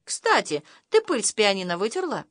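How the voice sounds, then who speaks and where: A woman's voice: mid-range voice, wildly swooping pitch, normal speed, no echo, clean studio sound. A woman voicing a dazed, dreamy mother who chatters in sing-song rhymes.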